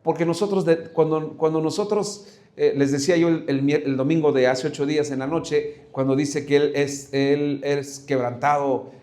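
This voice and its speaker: A pastor, his voice sitting a little high for a man. He preaches in an earnest, searching way, often breaking off and restarting. He leans on rhetorical questions to press his point. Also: steady tone, normal speed, darkish tone. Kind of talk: sermon.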